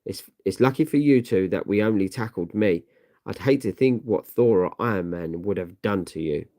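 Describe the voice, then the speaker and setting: A man voicing a steady male soldier-hero who leads his team, commanding and matter-of-fact. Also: lowish voice, normal speed, dry recording, clean studio sound, natural voice.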